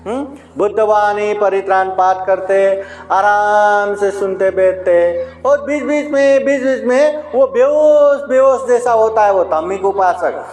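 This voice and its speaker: A man, a Buddhist monk, telling a teaching story in a sermon, slowly, acting out the voices he quotes. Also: sits high, darkish tone. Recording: echoey hall with faint music.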